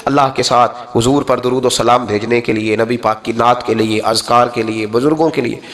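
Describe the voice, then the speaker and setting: A man's voice: medium pitch, fairly even intonation, fairly bright tone. A man with a Pakistani Urdu accent giving a sermon, telling stories that climb to emotional peaks. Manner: storytelling with rising emotional peaks. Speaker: preacher.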